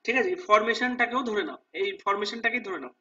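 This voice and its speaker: A man teaching exam preparation, reading English answer options slowly and explaining them, often checking "okay?" with listeners. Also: high voice, pushed and bright, recorded from a distance, muffled recording. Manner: reads English options slowly, explains in Bengali with repeated "ঠিক আছে?". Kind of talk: Bengali lesson walking through multiple-choice questions.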